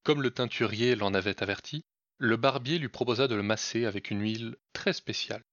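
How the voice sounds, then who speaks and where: A man's voice: medium pitch, a bit bright, no room sound. Man narrating a fairy tale. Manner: measured, dramatic storytelling. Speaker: storyteller. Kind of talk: scripted narration. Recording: dull, dry lo-fi recording.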